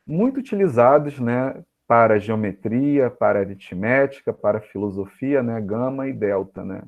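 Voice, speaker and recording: A man's voice: mid-range voice, animated, moderate pace. A Brazilian man teaching an online Latin class, reading Latin lines aloud and explaining them in Portuguese with frequent tag questions. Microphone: video call. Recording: tinny phone-like audio.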